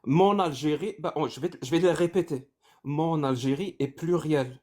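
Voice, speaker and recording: A man in a live debate, calmly questioning and repeating his points. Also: a little high. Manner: measured, asks for precision, repeats phrases. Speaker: debate opponent.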